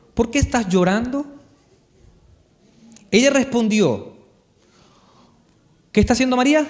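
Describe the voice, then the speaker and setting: A man's voice: high voice, darkish tone. A man with a Chilean accent preaching a live sermon in church, telling the story with animation and asking the congregation questions. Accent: Chilean Spanish. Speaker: pastor.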